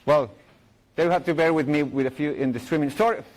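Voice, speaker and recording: Speaking English on a conference stage mic, this middle-aged man from Chile has a voice set slightly high for a male, yet darkish in tone, and he moves at a quick pace. He explains a technical idea live, fielding audience questions, cracking jokes and restarting sentences with plenty of fillers.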